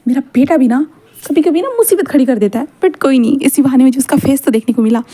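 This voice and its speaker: A gentle young cafe-owner dad, soft-spoken and doting, flustered when teased, as a woman storyteller puts him on. The voice sits fairly high and sounds mellow and warm. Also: lively intonation, fast. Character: gentle young father who runs a cafe.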